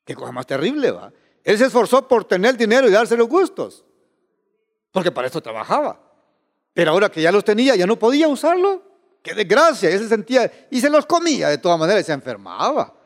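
Man, preacher, sermon, high voice, animated, repeats words, long hall reverb. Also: brisk. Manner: animated, repeats words, asks the listeners rhetorical questions.

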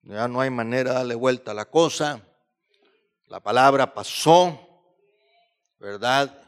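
A man's voice: mid-range voice, a little slow, smooth. A man preaching a sermon, repeating phrases for emphasis and often asking "verdad" as a rhetorical tag.

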